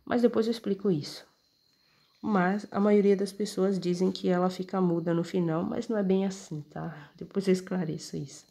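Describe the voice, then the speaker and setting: A woman's voice: lowish voice, steady tone, moderate pace, gravelly, dark tone, breathy edge. A woman explaining scripture in a casual, conversational way, often checking in with her listener and pointing at the text as she reads. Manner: points at text while reading. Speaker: religious teacher explaining scripture.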